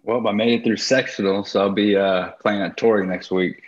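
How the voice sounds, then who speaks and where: Easygoing young man, low dull voice. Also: fairly quick. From Costa Rica. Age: 20s. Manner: relaxed, laughs easily, plain storytelling. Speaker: guest golfer. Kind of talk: casual podcast interview. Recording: dull lo-fi podcast audio.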